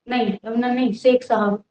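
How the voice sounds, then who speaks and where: A woman's voice: high voice, a little hiss or hum. A young woman teaching a casual live online class, chatty and teasing with her students, with a cold and a cough. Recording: roomy, dull lo-fi sound.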